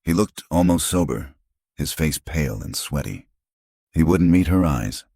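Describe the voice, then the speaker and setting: A man narrates a western audiobook in a measured, dramatic read. His voice is very deep with a husky grain. The recording is close and dry. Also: animated, mellow, no room sound. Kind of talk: scripted narration.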